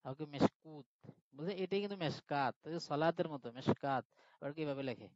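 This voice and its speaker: A man's voice: fairly high pitch, fairly quick, no room sound. Man teaching, muffled dry online audio. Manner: patient step-by-step explaining, checks in with students. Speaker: Arabic grammar teacher. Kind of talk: live online class lecture.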